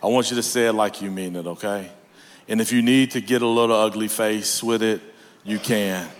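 A man's voice: on the low side, fairly even intonation, moderate pace, long reverb tail, a little hiss or hum. A man preaching a sermon, leading call-and-response and joking with the congregation.

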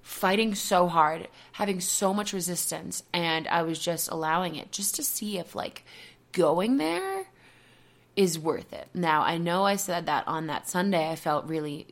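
A woman's voice: fairly low pitch, unhurried. A woman podcast host speaking openly and reflectively in a personal monologue, full of casual "like" fillers. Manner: open, reflective, many "like" fillers.

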